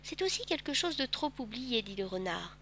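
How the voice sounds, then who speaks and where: A woman voicing a gentle, wistful male fox who speaks patiently and tenderly in a storybook reading. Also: on the high side, sing-song, normal speed, slight background noise, full character voice.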